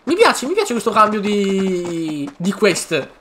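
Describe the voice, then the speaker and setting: A man's voice: high voice, very animated, slow pace, fairly bright tone, slight background noise. A man commenting casually and animatedly over a game he is playing, exclaiming and joking. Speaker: gaming video creator. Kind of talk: let's play commentary.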